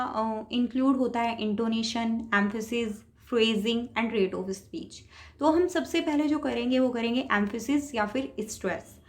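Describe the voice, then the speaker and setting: A woman teacher lectures patiently, sounding out example words and breaking each idea into steps. Her voice sits a little high. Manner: patient, explains step by step with spoken examples. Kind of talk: lecture on speech, mixing Hindi and English terms.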